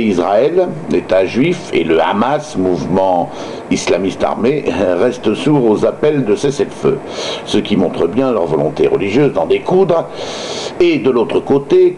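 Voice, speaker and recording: A Frenchman hosts a homemade-sounding news broadcast in a lowish, very soft-edged, dark voice. He stumbles through his reading and slips in sardonic, mocking remarks of his own. A light layer of noise sits behind him. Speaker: amateur radio host.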